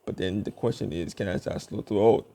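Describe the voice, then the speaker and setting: A young man vlogging alone to his channel, his voice dark and mellow with a gravelly rasp at the edges. He rambles through fillers and restarts. He tries to keep his pace slow and deliberate. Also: lowish voice, fairly even intonation. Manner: working to speak slowly and deliberately. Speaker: YouTube vlogger. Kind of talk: casual vlog monologue.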